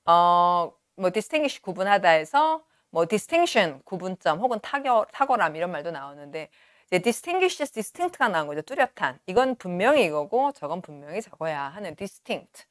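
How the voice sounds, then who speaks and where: A woman in her forties teaching in a studio, reading passages slowly and clearly, then explaining in quick asides. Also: on the low side, very animated, no room sound. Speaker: English teacher. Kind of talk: lecture on a novel, reading lines aloud and explaining. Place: studio with a virtual backdrop. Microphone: lapel mic.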